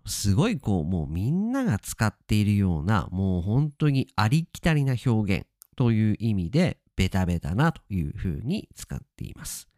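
A man hosting a casual spoken lesson, explaining words with drawn-out emphasis and English glosses. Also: lowish voice, no room sound, clean studio sound. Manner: lively and sing-song, stretching key words, mixing in English glosses. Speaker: podcast host teaching Japanese vocabulary.

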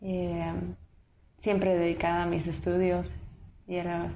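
A young woman from the United States, speaking Spanish in a relaxed, chatty way as a podcast guest. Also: on the low side, takes it slowly, a little hiss or hum. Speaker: interview guest. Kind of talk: casual interview conversation. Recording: echoey room, slightly dull sound.

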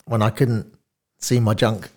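Laid-back low-voiced man in his thirties. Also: fairly even intonation, measured pace, darkish tone. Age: 30s. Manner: laid-back, laughs often, swears casually. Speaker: podcast guest, diet coach. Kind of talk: casual storytelling interview.

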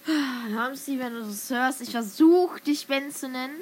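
A young woman streaming a mobile game, commenting live on the play and bursting into shouts and laughter at close moments. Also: sits high, a little slow, a little hiss or hum. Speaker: gaming streamer. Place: home room with vacuum cleaner in background.

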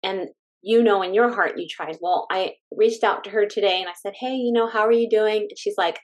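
A woman's voice: mid-range voice, fairly quick. A woman from California, a stay-at-home mom, talking as a guest in a casual interview, heartfelt and enthusiastic with frequent laughs.

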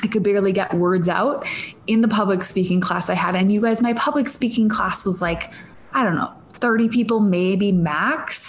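Slight background noise sits under a medium-pitched woman's voice in this casual solo podcast monologue. The host is in her thirties and from Minnesota, with a Minnesotan accent. She wanders along in a stream-of-consciousness ramble, laughing in asides.

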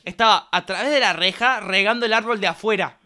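Bright young Argentine woman, lively storyteller. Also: mid-range voice, brisk. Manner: animated storyteller, acts out quotes. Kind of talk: casual chat among friends.

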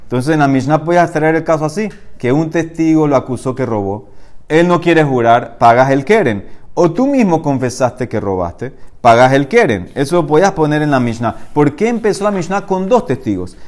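A man teaching a Talmud class, reading the Aramaic text aloud and then explaining it, growing louder and higher when he argues a point. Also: expressive, a little fast.

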